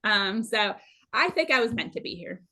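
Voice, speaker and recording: A woman's voice: a little high, expressive, normal speed, pushed and bright. A woman in her late thirties from Minnesota, a guest telling her running story in a bubbly, self-deprecating way. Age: 30s. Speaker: guest runner. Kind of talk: casual interview storytelling.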